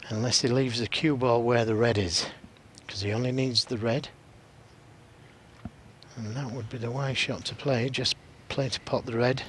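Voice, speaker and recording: A man's voice: mid-range voice, fairly even intonation, normal speed, slight background noise. A man co-commentating on snooker in a conversational, analytical way.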